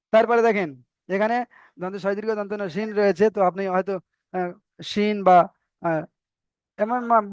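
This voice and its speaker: High-voiced man teaching letters patiently. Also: smooth, no echo. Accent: Indian Bengali. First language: Bengali. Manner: patient, repeats letters slowly with drawn-out vowels. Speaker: Arabic alphabet teacher. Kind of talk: online Quran reading class.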